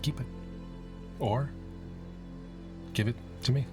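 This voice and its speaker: A man voicing a calm, aloof woman seer of an inner circle who lectures in a measured way. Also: medium pitch, pitched above the performer's own voice, close to an everyday voice. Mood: serene. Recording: music playing behind.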